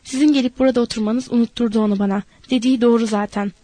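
A bitter, proud older stable hand, as a woman acts him out, sharp and indignant with a guarded edge. The voice sits a little high and is dry and close. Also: racing, dry recording, natural voice. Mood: weary. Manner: sharp and indignant, then flat and resigned.

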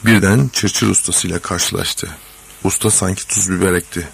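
Male audiobook narrator; deep, rough, husky, measured and dramatic. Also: fairly even intonation, fairly bright tone. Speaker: audiobook reader. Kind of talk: scripted narration.

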